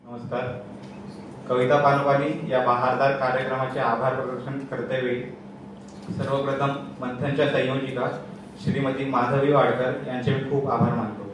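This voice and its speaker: A man's voice: medium pitch, little pitch movement, normal speed. A young man, the event secretary, giving a formal vote of thanks and listing each person in turn. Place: large echoey hall on stage. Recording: echoey hall from far off, clear noise.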